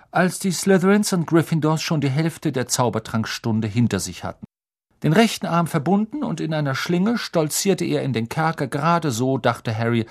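A man narrating a children's novel as an audiobook in an expressive storytelling style. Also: medium pitch. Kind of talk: scripted narration.

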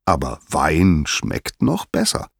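A man's voice: extremely low pitch, huge pitch swings, slow pace, vocal fry, full character voice. A man voicing a jovial, sly male god of wine who talks in a cheerful, coaxing way in a storybook reading. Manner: cheerful, coaxing, mock-indignant.

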